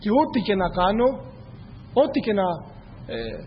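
Brief: male preacher, high voice, earnest rhetorical sermon, muffled lo-fi recording. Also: animated. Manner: earnest, rhetorical questions, repeats key phrases. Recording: muffled, echoey hall with faint noise.

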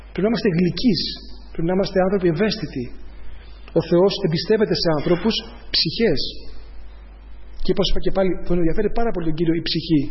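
A man preaching a conversational sermon to his congregation, calling them brothers. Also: high-pitched. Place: church hall. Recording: dull, lo-fi church recording with long reverb.

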